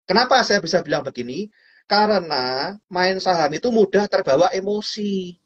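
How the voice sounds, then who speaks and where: A man with a husky, slightly breathy voice talks through stock trading in a relaxed, chatty way. He is animated and playful, and he acts out small scenes with sound effects. The recording sounds dull and lo-fi. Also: high voice, normal speed. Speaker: stock trading guest speaker. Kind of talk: casual explanatory chat.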